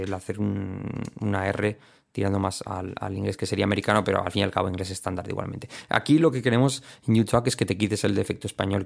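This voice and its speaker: A man from Spain teaching English pronunciation in a recorded audio lesson. His low voice has a gravelly texture. He is playful, repeating example words and acting out mistakes. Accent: Spain Spanish. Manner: playful, explains with mock examples and repetition.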